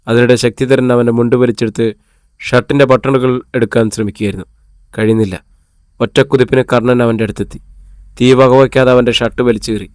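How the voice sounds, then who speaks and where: A man reading a serialized audiobook in an even, measured way, at a middling pitch. The recording is dry and close, with no room around the voice. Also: no room sound. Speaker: audiobook narrator. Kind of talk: scripted story narration.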